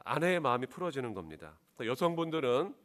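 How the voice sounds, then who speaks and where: A man's voice: mid-range voice, sing-song, brisk, a bit bright. A man preaching a sermon as a pastor, engaging the congregation with questions.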